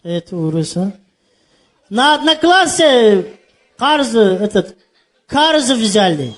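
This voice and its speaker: Heavily acted and very animated, this performance has a man voicing a bumbling, good-natured Tajik migrant in Moscow during a prank-style comedy call. His voice sits high and moves slowly, delivering broken Russian sprinkled with Tajik in a Tajik accent.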